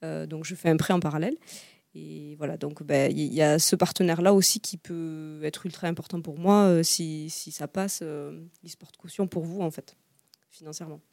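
A woman founding a small zero-waste tart shop answers interview questions as a guest, casually and hesitantly, with lots of fillers and restarts. Her voice is deep, steady, and warm with vocal fry at a normal speed, recorded clean in a studio with no room sound.

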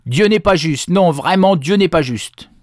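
A man's voice: fairly high pitch, animated, measured pace, no room sound, clean studio sound, voice pushed up. A man voicing a desperate peasant farmer. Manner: exclaiming, pleading.

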